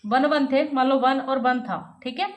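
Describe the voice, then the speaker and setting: A woman's voice: high voice, a little slow, echoey room. A woman teaching a step-by-step math lesson, asking her students questions and answering them herself.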